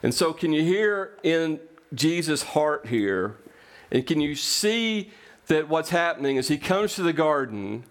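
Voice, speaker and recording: A man's voice: a little high, sing-song, unhurried. Earnest male pastor preaching. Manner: earnest, repetitive preaching with rhetorical build-ups. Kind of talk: sermon.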